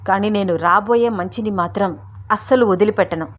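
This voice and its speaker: A woman's voice: medium pitch, a little fast, lightly acted. A stern, grieving older mother who speaks with firm command, as a woman narrator puts her on. Her tone is grave and leaves no room for argument. This is a storybook reading.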